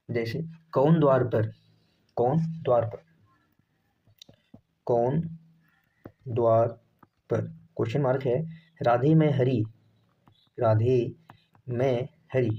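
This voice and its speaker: Male tutor, mid-pitched, dictates and repeats phrases for note-taking, slightly dull recording. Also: mellow. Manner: repeats phrases slowly for note-taking, addresses students as "saathi". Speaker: Hindi grammar teacher. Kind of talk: exam-prep grammar lesson, dictating definitions. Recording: slightly dull audio with faint noise.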